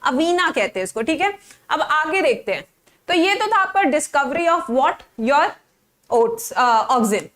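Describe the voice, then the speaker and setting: A young woman teaching a live online biology class, her voice high and bright. She swoops up and down with lots of expression, jokes with her students and fires quick questions that she answers herself. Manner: animated, playful, mixing Hindi and English, asks and answers own questions.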